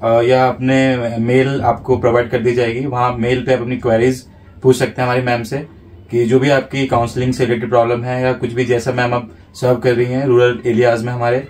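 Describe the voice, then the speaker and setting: A man hosting an interview, asking halting questions full of fillers. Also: medium pitch, completely flat delivery, darkish tone. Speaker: interviewer and channel host. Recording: distant mic with faint noise.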